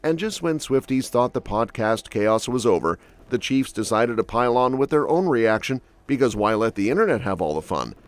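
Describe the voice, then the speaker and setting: A man's voice: medium pitch, very animated, moderate pace. A man reading scripted entertainment gossip narration with a snarky, quip-heavy delivery. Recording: dry voice-over with soft music bed.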